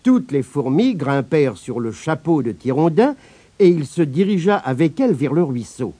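A man reading a children's story aloud in an expressive, sing-song way. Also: fairly high pitch, moderate pace, breathy edge, no room sound.

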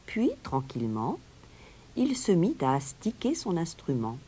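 A woman's voice: sits low, wildly swooping pitch, unhurried, mellow, slightly rough. A woman narrating a fairy tale expressively, dropping to a whisper at tense moments. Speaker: storyteller. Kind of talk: storybook narration.

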